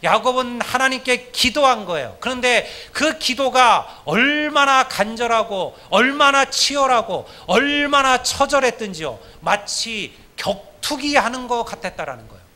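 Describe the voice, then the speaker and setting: A man's voice: very high-pitched, expressive, unhurried, hardly any pauses, bright, forceful tone. A male pastor preaching a Sunday sermon, earnestly addressing the congregation again and again.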